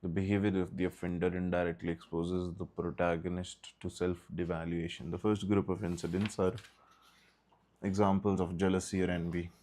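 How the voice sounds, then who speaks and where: A man's voice: low-pitched, level tone, moderate pace, dark tone. A man reading a textbook aloud in a study session, stopping now and then for short asides. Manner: reads steadily, breaks off for short asides. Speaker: study group leader.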